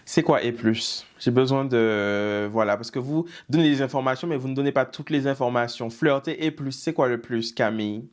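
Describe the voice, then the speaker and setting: A man's voice: medium pitch, normal speed, few pauses. A man hosting a reaction video, reading viewers' dating stories aloud with teasing, mock-outraged asides.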